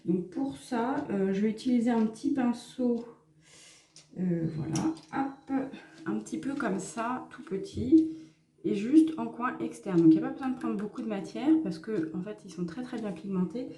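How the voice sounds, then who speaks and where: A woman's voice: a little high, moderate pace, dark tone, echoey room. A woman talking through a makeup tutorial in a casual, hesitant way with many fillers. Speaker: makeup vlogger.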